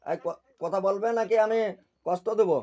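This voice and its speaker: A man's voice: high-pitched, normal speed, dark tone, dull audio. A man working as a spiritual healer, sternly questioning over a video call and repeating short demands.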